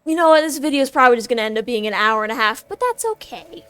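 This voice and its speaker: A woman giving casual, excitable commentary while she plays a video game, often squealing with delight. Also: a little high, fast, clean tone, dry recording. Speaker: gameplay streamer.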